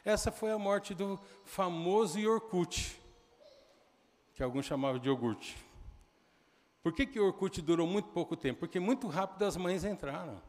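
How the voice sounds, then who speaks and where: Brazilian pastor preaching in a reverberant hall. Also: male voice, high-pitched, lively intonation, a little mellow. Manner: conversational storytelling, quick asides to the audience. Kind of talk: sermon. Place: church.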